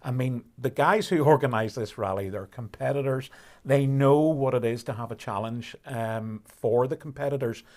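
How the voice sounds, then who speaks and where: A man commentating on a rally live stream, explaining conditions in a measured way with fillers and restarts. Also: mid-range voice, darkish tone.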